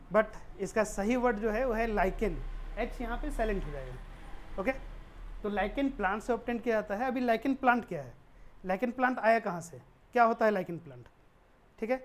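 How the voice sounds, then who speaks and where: A woman teaches a chemistry class in a steady, mid-pitched voice. She keeps posing rhetorical questions and answering them herself, dropping English technical terms into her explanations. A faint noise sits under her voice. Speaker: science teacher. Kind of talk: classroom-style chemistry lesson.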